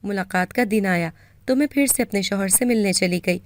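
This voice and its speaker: A woman with a Pakistani Urdu accent and a medium-pitched voice tells a moral story in the first person, steady and earnest. There is no room sound.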